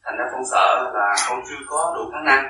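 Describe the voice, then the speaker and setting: A man's voice: medium pitch, quick pace, bright, forceful tone, a little hiss or hum. Polite man heard from far in a room. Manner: polite, formal, hesitant. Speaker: new disciple. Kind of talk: formal question to a teacher. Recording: roomy, distant, faint ambience.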